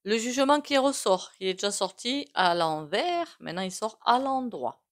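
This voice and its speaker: In a slightly high voice with big pitch swings and normal speed, a woman does a casual tarot reading to camera. She has a regional French accent and a chatty, rambling style packed with fillers and asides to herself.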